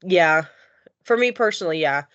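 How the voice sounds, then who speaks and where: A woman's voice: lowish voice, lively intonation, normal speed, a bit bright. Us-born woman chatting in a group, laughs easy, a bit dull sound. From United States. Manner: open, laughs easily, chatty. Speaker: discussion panelist. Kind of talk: casual group discussion.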